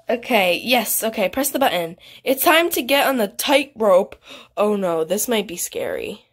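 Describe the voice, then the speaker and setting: Excitable woman narrating a game. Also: medium pitch, moderate pace, breathy edge. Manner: excitable, gasping and laughing often, chatty. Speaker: gaming channel host. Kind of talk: casual game commentary.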